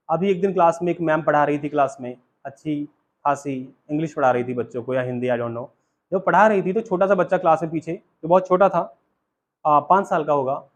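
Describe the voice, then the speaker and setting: Male Indian English teacher, high voice, lively classroom lecturer who mixes Hindi and English.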